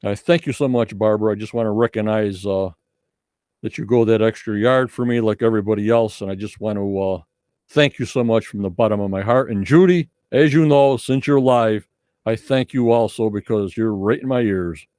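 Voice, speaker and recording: A man's voice: fairly low pitch, moderate pace, darkish tone, no room sound, studio quality. A man hosting a live podcast, chatting casually to his online viewers and repeating himself as he goes. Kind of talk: casual livestream chat with viewers.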